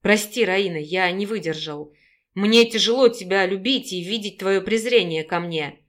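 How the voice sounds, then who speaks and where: A woman's voice: mid-range voice, moderate pace, natural voice. Woman voicing a jealous young wolf-shifter man. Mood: pleading. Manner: growling, pleading outbursts. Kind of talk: audiobook character reading.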